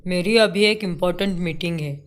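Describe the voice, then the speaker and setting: A woman's voice: lowish voice, fairly quick, natural voice. A woman voicing a short-tempered young husband in a cartoon story, scolding sharply. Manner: angry, scolding.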